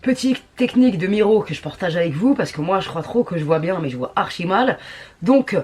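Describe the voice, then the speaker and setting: Husky slangy woman doing a makeup vlog. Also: lowish voice, animated, brisk, a little mellow. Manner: slangy, crude, self-mocking banter. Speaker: beauty vlogger. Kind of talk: casual makeup tutorial chat. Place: at home.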